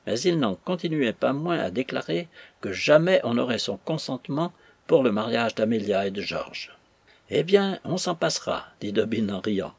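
A man narrating an audiobook in a measured storytelling manner, with a husky voice. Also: mid-range voice, expressive, dry recording.

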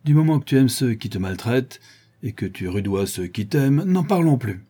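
A man voicing an angry, rabble-rousing village wheelwright in an audiobook, loud and goading. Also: medium pitch, animated, normal speed, husky. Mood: defiant. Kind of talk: audiobook character reading.

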